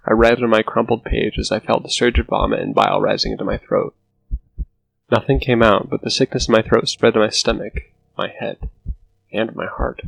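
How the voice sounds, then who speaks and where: A man reading a scripted scary story as narrator, with a low, hushed, haunting delivery and a gravelly creak in his voice. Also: no room sound, low-quality recording. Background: music under the voice.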